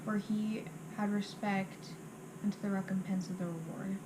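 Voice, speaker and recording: A woman reciting scripture from memory by rote, in short halting phrases, sometimes restarting them. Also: medium pitch, steady tone. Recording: clearly noisy amateur recording.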